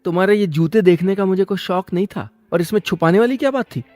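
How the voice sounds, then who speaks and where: A man voicing an exasperated young boyfriend in an audio story, speaking quickly and pleadingly. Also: high voice, a little mellow, no room sound, soft background music, pitched above the performer's own voice, lightly acted.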